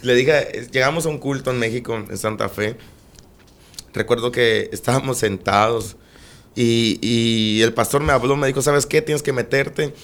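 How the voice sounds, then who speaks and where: A preacher with a powerful, booming voice, telling a story in casual chat and acting out the lines of the people in it. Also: male voice, normal speed, fairly bright tone. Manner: storytelling, acts out quoted dialogue.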